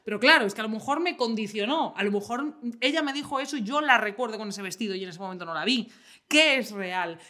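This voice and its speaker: Bright, lively young woman. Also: medium pitch, quick pace. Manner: animated storyteller, acts out her own panic. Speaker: podcast host. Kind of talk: casual chat.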